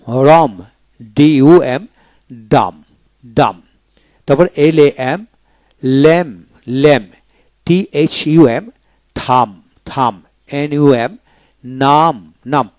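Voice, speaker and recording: A man's voice: on the high side, drawn-out words, pauses often, darkish tone, no echo. A man teaching English pronunciation in a video lecture, spelling out each word letter by letter and then repeating it.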